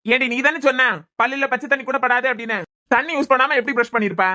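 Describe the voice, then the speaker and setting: A woman's voice: high-pitched, fairly even intonation, fast, noisy background, natural voice. A woman voicing a teasing young husband in a cartoon web series, with a Kanyakumari Tamil accent and a mocking manner.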